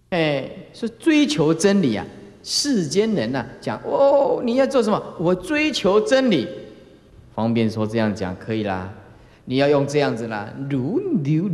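Animated monk preaching in an echoing hall. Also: male voice. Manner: animated, acts out examples with sudden high calls; frequent filler particles like "ah" and "eh". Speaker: Buddhist dharma master. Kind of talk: Buddhist sermon lecture. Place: lecture hall. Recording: roomy lecture hall reverb.

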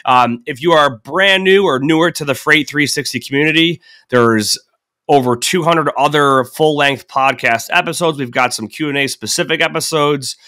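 A man hosting a podcast in a relaxed, chatty way, his voice nasal and stuffy from a cold. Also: on the high side, moderate pace. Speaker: podcast host. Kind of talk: casual podcast chat.

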